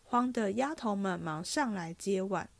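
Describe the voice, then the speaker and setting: A woman reading a classic novel aloud in an expressive way, changing her voice for each character. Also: medium pitch, unhurried, gravelly, dry recording. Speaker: reader.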